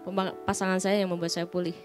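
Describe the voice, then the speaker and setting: A woman guest, sharing an earnest personal testimony in a halting way, with many restarts. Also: on the low side, flat delivery. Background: soft guitar music.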